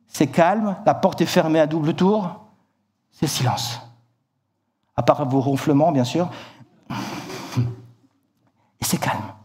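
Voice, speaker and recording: Man, high voice, sermon in church, animated storytelling, frequent restarts. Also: slightly rough. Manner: animated storytelling, acts out shouted lines; repeats words, stumbles and restarts. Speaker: preacher.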